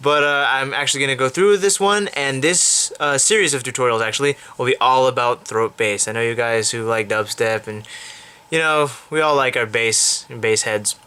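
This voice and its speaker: Bright, crisp-voiced rambling male beatbox teacher. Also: medium pitch, moderate pace. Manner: rambling, filler-heavy explaining. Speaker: beatbox tutorial host. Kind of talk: unscripted casual tutorial.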